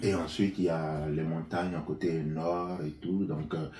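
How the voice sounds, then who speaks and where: An interview guest from Benin talks in a very deep, mellow voice, his delivery flat and his pace moderate. He's hesitant and conversational, often restarting and leaning on fillers. Faint noise and room echo come through on the recording.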